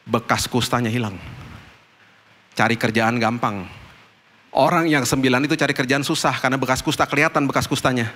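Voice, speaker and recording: A middle-aged pastor preaches in a bright, slightly high voice. He tells stories and acts out the dialogue with big swings in pitch. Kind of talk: sermon.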